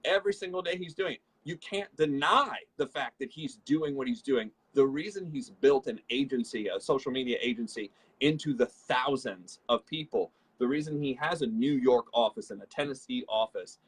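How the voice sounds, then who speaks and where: A man co-hosting a leadership show, giving an energetic motivational talk about network marketing and acting out the people he quotes. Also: mid-range voice, husky, rough recording.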